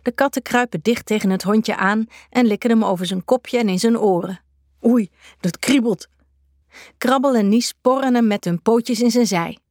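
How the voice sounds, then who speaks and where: A woman narrating a children's story in a calm, clear manner. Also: fairly high pitch, brisk, few pauses, no room sound, clean studio sound. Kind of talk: storybook reading.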